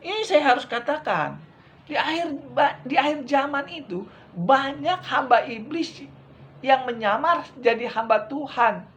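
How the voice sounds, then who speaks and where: A male evangelist preaching a sermon, repeating his points and swinging from loud, urgent lines to hushed ones, speaking straight to his listeners. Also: very high voice, lively intonation, a little slow, slight background noise. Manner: addresses listeners directly as brethren.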